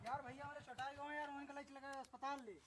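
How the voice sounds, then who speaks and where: An agitated villager played by a man with a very high voice and an Awadhi accent, pleading for help for his friend. It is a homemade comedy sketch, picked up from a distance over clear background noise. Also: level tone, quick pace. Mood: anxious pleading. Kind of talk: amateur comedy sketch dialogue. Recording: noisy, distant amateur video sound.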